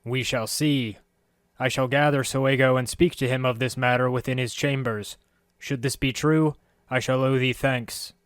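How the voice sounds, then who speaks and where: A man playing a stern skeletal old high priest who speaks in formal, old-fashioned English. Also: level tone, unhurried, smooth, no echo, clean studio sound, close to an everyday voice. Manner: archaic, formal speech.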